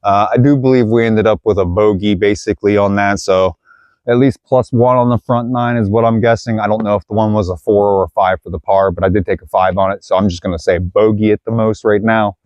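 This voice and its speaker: A man's voice: on the low side, fairly even intonation, a little fast, a little mellow, no echo, muffled recording. Breathless man narrating a disc golf round. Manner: chatty, addresses viewers as guys. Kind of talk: casual play-by-play narration. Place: outdoor wooded disc golf course.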